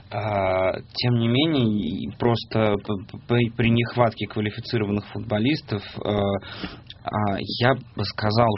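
A man's voice: on the low side, vocal fry. A man working as a sports commentator, chatting casually and giving opinions in a hesitant, wry way. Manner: hesitant, wry, thinking aloud. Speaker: sports commentator guest on a radio show. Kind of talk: casual opinionated studio chat. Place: radio studio. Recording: dull, slightly noisy radio audio.

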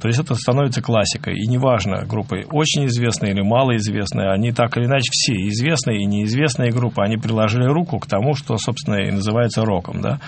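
Guy hosting a music radio show, creaky voice, rambles and hesitates a bit, faint noise behind. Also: lowish voice, fast, few pauses. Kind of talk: casual live radio chat.

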